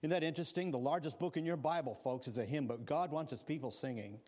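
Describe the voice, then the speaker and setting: A male preacher giving a sermon, animated and engaging, moving from hushed asides to loud exclamations and calling on the congregation to answer. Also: fairly high pitch, quick pace. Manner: calls on the congregation to respond.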